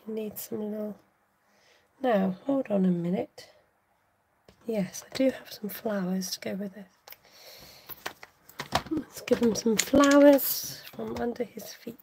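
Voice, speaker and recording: A woman leads a live craft demonstration in an unhurried, chatty way, speaking to her viewers as she works. Her voice is mellow and sits at a middle pitch. A faint hiss runs underneath. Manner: chatty, talks to viewers while working. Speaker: craft tutorial host.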